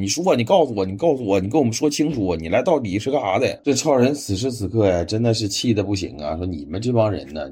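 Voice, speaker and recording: A man rants sarcastically in casual film commentary. His low, warm, slightly husky voice swings up and down a lot as he mocks the film. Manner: sarcastic, ranting, mocking.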